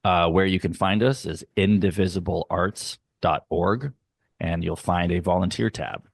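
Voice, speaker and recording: Deep gravelly-voiced man, earnest. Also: steady tone, no room sound. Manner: earnest, explanatory, sometimes slow and emphatic. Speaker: guest, youth arts nonprofit leader. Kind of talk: conversational interview. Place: home, dog barking nearby.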